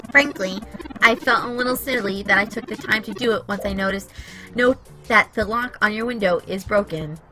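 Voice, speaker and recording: A woman's voice: mid-range voice, moderate pace, music in the background, natural voice, rough recording. A woman voicing a cute, fussy, know-it-all male robot, reading its game lines in a precise, matter-of-fact way. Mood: lecturing. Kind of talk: reading game dialogue aloud.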